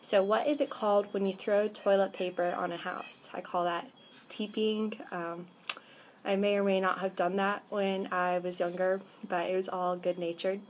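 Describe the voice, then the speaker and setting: A Midwestern woman in her twenties vlogs by a window indoors, talking into a webcam held at arm's length. Her medium-pitched voice stays flat at a moderate pace as she chats away with plenty of ums, over a little hiss or hum.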